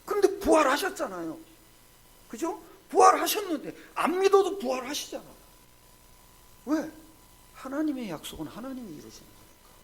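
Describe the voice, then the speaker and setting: A male pastor delivering a sermon, firing off rhetorical questions and swinging from hushed, low asides to loud, shouted points. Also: big pitch swings, moderate pace, pauses often. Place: church sanctuary.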